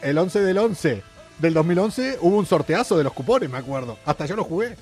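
A man's voice: fairly high pitch, expressive, a little fast, a little mellow, soft background music. A man with an Argentine accent hosting a casual radio chat show, joking and laughing often. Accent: Argentine Spanish. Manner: joking, laughs often, sometimes sings lines.

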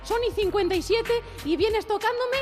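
Woman playing a sharp-tongued rap champion. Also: very high-pitched, normal speed, soft background music. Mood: mocking. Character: cutting rap-battle champion, quick with comebacks. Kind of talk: comic radio sketch.

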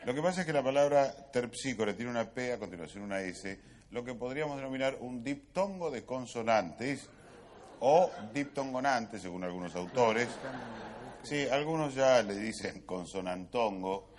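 A man's voice: mid-range voice, animated, moderate pace, a little hiss or hum, natural voice. A man playing a fussy pedant. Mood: pedantic. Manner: formal, lecturing, over-precise. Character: pedantic man language expert, formal and fussy. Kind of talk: live comedy sketch.

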